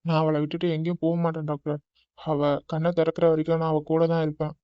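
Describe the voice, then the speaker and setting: A man's voice: fairly high pitch, completely flat delivery, fast talker, smooth, no room sound, lightly acted. Man voicing a desperate cartoon husband, pleading, muffled dry recording. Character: worried young husband at a hospital. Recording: dull dry recording with faint music.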